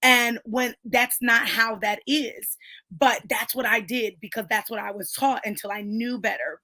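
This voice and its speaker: A woman's voice: on the high side, a little slow, pushed and bright, no room sound. A woman in casual, emphatic conversation about faith at a book club, talking with lots of fillers.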